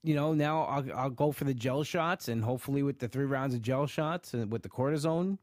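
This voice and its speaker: Speaking a little fast in a mid-range, slightly mellow voice, a man rambles to his livestream audience about his weight loss while reading their comments. His nose is blocked from allergies, and he keeps restarting and dropping "you know." The sound is studio quality, without echo.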